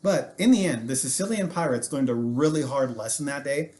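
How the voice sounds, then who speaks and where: With a medium-pitched voice and a slightly quick pace, an American storytelling teacher relates history. He keeps things animated and relaxed, dropping in jokey remarks throughout.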